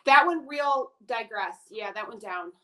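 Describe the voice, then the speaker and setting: A woman guest talking about her small business in a casual interview chat, playful and quick to laugh. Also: a little high, background noise. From Indiana, US. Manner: lively, playful, laughs easily.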